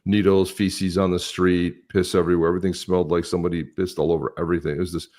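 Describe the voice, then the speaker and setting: Blunt, crude podcast host, man, very low voice, rambling casual chat. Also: flat delivery, fast, darkish tone. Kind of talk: casual chat, reacting to clips.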